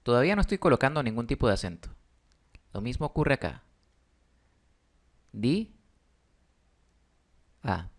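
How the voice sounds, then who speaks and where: A man's voice: mid-range voice, sing-song, fast. A man, patiently explaining a spelling lesson with emphatic stresses. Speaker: teacher.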